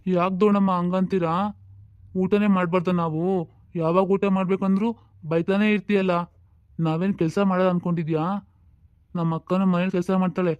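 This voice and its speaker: A man's voice: high-pitched, a little mellow, clear, resonant tone, no echo, close to an everyday voice. A man voicing an earnest, hungry young brother who helps on the farm in a cartoon family drama. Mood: protesting. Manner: eager, protesting. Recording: slightly dull lo-fi sound.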